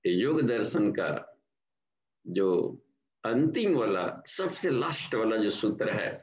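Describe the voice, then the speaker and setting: An older man from India, giving a slow, explanatory devotional lecture as a spiritual trainer and slipping English words into his talk. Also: lowish voice, very animated. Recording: dull, echoey online class audio.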